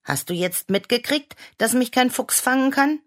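A woman voicing an excited little boy who tells the story, eager and boasting. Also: fairly high pitch, normal speed, pitched above the performer's own voice. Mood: boastful.

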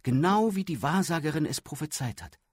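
A man voicing an excitable young boy who insists urgently on his point, in an audiobook. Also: a little high, fairly quick, husky, no room sound, clean studio sound, pitched above the performer's own voice. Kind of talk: audiobook character voice.

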